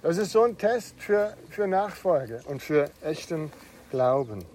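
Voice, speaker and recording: A middle-aged man preaching a sermon, chatty, with tag questions, swinging from hushed to emphatic. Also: on the high side, sing-song, measured pace, slight background noise. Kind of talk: sermon with personal anecdote.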